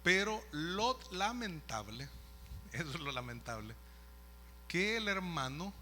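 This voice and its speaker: A man's voice: a little high, sing-song, slow, bright, forceful tone, slight background noise. A man, a pastor telling a story in a sermon, conversational with asides to the listeners. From El Salvador. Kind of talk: sermon testimony.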